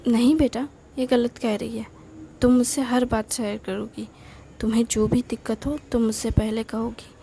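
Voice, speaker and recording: A woman's voice: on the high side, little pitch movement, moderate pace, creaky, mellow, slight background noise. A woman voicing a strict, middle-aged aunt who speaks in a firm, scolding way.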